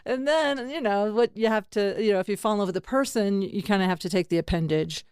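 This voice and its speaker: A woman's voice: medium pitch, quick pace, darkish tone, smooth, no room sound, clean studio sound. Frank, chatty middle-aged woman host. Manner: frank, rambling, laughs often. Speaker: podcast host. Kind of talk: candid casual interview chat.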